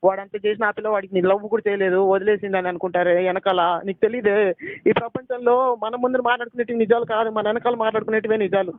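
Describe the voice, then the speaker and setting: A man's voice: high voice, fairly even intonation, fast, no room sound. A young man, arguing heatedly on a phone call, pleading, accusing and asking the same questions again and again. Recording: tinny phone call recording.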